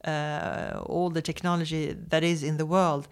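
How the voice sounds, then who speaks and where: A man's voice: fairly high pitch, little pitch movement, unhurried, clear, resonant tone. A man interviewing a guest, asking questions in a hesitant way with many fillers. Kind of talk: conversational interview.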